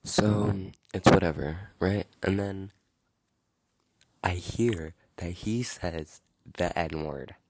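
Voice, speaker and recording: A man's voice: deep voice, drawn-out words, a little mellow, no room sound, rough recording. A young man hosting a podcast, telling a story in a rambling, filler-heavy, indignant way. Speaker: podcast host. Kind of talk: casual storytelling monologue. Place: outdoors in wind.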